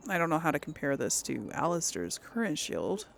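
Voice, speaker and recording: This gaming video host talks through a casual playthrough, thinking aloud and voicing role-played dialogue. She has a low, creaky voice with big pitch swings at a normal speed, and slight background noise can be heard.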